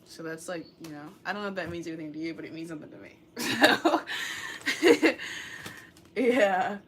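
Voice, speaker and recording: A woman's voice: low-pitched, fairly even intonation, rapid-fire, slight background noise. A young woman giving a casual tarot reading in a rambling, meandering way, full of fillers. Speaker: tarot reader.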